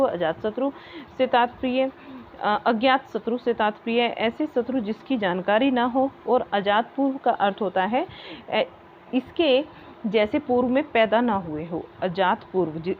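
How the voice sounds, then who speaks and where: Female tutor, higher voice, tinny lo-fi sound with faint hiss, walks through exam answers and repeats key points. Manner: repeats key points, checks understanding with asides. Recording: tinny phone-like audio, faint noise.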